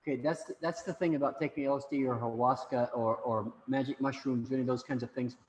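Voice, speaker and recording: A man's voice: mid-range voice, fairly even intonation, fast, a little mellow. A man teaching an online class in a casual, joking, rambling way, often repeating words, over a video call. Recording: long reverb, faint room noise.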